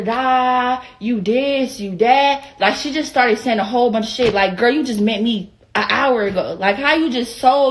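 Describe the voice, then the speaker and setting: A young woman with an Atlanta accent tells a casual, profane story, acting out both sides of an argument. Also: fairly high pitch. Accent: Atlanta Southern American. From Atlanta, USA. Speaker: vlogger.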